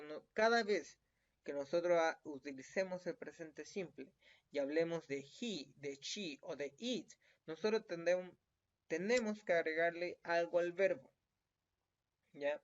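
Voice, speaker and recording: Slow, patient Chilean male teacher. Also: on the high side. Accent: Chilean Spanish. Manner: patient, checks in often with tag questions. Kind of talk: recorded classroom lesson. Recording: dull lo-fi recording.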